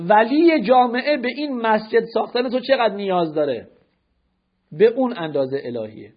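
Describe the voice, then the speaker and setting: A man's voice: high voice, animated. A man giving a religious lecture, firing rhetorical questions at his listeners and correcting their notes. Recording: dull lo-fi lecture recording.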